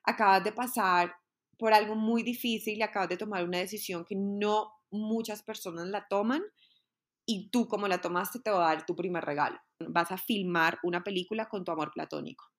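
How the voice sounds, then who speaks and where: A woman's voice: medium pitch, fairly even intonation, moderate pace. A young adult woman, telling a personal story in a candid, earnest way and repeating words for emphasis.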